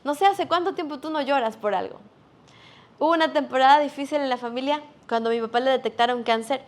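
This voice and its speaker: High-voiced woman preaching earnestly. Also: quick pace. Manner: earnest, emphatic preaching to a young audience. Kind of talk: sermon.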